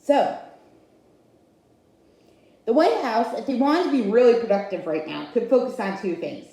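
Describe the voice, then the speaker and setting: Woman, channel host, political rant, opinionated, rambling, frequent restarts, mellow tone, heavy room echo. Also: fairly high pitch, big pitch swings, normal speed. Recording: very echoey room.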